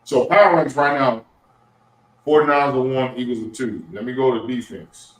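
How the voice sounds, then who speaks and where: A man's voice: mid-range voice, a little fast. A man co-hosting a podcast, chatting about sports, reading out lists and mumbling his asides. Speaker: podcast co-host. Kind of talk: casual sports chat. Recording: roomy echo.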